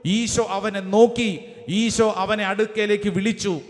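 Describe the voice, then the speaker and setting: A priest with a high-set voice delivers a sermon, calling out verses one phrase at a time for the listeners to repeat. His words ring out with a long reverb, as if spoken in a large church hall. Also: fairly even intonation, unhurried. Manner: cites verses with English chapter numbers. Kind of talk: sermon with call-and-response.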